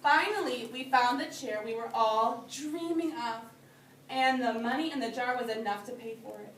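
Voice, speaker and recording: Her voice is fairly high and a bit bright, at a normal speed, as this woman teacher of preschool or early grades reads a story to young children indoors and discusses it with them, patiently and simply echoing their answers. The audio comes from a phone or camera at a distance, giving a roomy, noisy sound.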